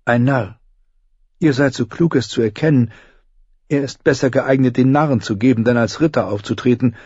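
A man voicing a careful, flattering young noble girl in an audiobook reading. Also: mid-range voice, normal speed, slightly rough, no room sound, highs cut off, voice pushed up, lightly acted.

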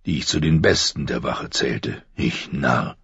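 A man voicing a stern, weary old military commander with a deep, gravelly voice. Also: unhurried, fairly bright tone, no room sound, lo-fi sound, full character voice.

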